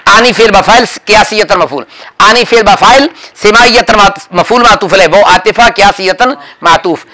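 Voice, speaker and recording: A man teaching a classroom grammar lesson, drilling his students with rapid questions and calling out answers. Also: high voice, sharp tone, rough recording. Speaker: religious teacher.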